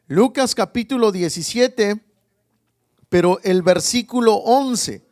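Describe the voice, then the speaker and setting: A man's voice: high voice, dry recording, clean studio sound. A man preaching a sermon in church, reading scripture aloud and calling out questions to the congregation. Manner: reads scripture aloud with pauses. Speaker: pastor.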